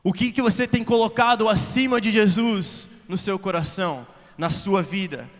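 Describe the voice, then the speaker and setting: Youth pastor, Brazilian accent, preaching live in a big hall with a long echo, shifts from soft stories to shouted calls. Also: male voice, sits high, moderate pace. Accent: Brazilian Portuguese. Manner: builds from quiet storytelling to shouted appeals; mixes English phrases into his preaching. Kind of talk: conference sermon. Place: large conference hall. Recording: reverberant hall.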